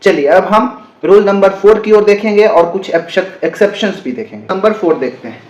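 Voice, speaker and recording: High-pitched man teaching grammar. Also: animated, a little mellow, roomy sound. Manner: explains slowly, spells words letter by letter, repeats and checks understanding. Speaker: exam-prep English grammar teacher. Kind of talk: classroom-style grammar lesson.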